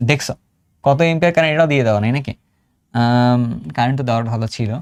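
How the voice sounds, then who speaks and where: A man's voice: mid-range voice, darkish tone, no room sound. A man in his thirties with a Bangladeshi Bengali accent, teaching an online exam-prep chemistry lesson in a chatty way, repeating phrases and quizzing his students.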